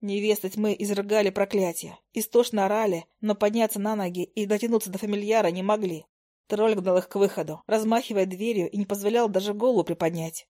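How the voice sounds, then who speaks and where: A woman narrates a first-person fantasy audiobook in a lively, expressive reading. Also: medium pitch, brisk.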